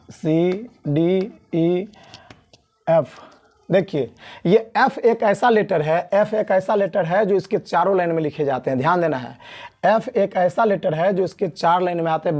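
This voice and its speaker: A male English teacher from the Mithila region of India, teaching beginners at a board, slowly spelling out letters and repeating key points. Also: fairly high pitch, dark tone. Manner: slow and deliberate, drawing out each letter and repeating key points. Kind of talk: blackboard lesson for beginners.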